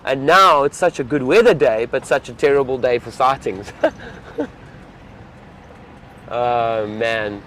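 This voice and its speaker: A man's voice: mid-range voice, slow pace, pauses often, fairly bright tone, slight background noise. A young man, a safari field guide, chatting casually and enthusiastically to live-stream viewers from an open vehicle outdoors.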